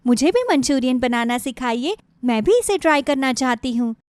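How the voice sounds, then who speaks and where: Give me a woman playing a distraught young wife in a storybook, pleading and very high. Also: lively intonation, normal speed, darkish tone, dry recording. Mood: eager. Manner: tearful, pleading.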